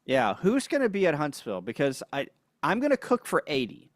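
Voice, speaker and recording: A man's voice: a little high, wildly swooping pitch, fairly quick, dry recording, clean studio sound. A man co-hosting a ham radio livestream in casual chat. He is laid-back, chuckles often and reads viewer comments aloud. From United States.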